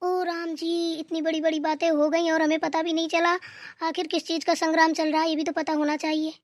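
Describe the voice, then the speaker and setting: A woman's voice: very high-pitched, little pitch movement, a little fast, dry recording, clean studio sound. A woman voicing another woman of the house in a cartoon who asks what the quarrel is about. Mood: puzzled. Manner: puzzled, questioning.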